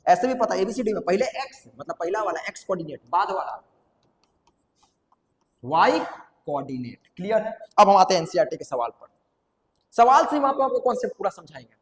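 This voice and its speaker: A man teaching a classroom math lesson, repeating key terms and quizzing students aloud. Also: sits high. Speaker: coaching teacher. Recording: echoey room with long reverb.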